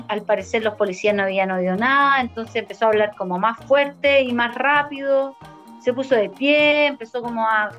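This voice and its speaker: A young woman with a Chilean accent casually retelling a story to a friend, animated and full of slang, laughing often. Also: on the high side. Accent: Chilean Spanish. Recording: muffled lo-fi with faint music.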